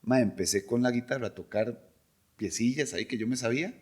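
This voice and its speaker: Cantante costarricense contando anécdotas con soltura. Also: male voice, mid-range voice, a little fast, husky. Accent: Costa Rican. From Costa Rica. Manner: animated, imitates voices of people in his stories. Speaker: singer, podcast guest. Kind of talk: casual interview storytelling.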